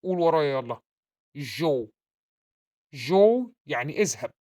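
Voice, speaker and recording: A woman's voice: mid-range voice, lively intonation, fast, lightly acted. A woman playing a blustering, pompous father with an Egyptian accent who insults his son while tutoring him and mangles English words. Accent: Egyptian Arabic. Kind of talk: comedy sketch acting.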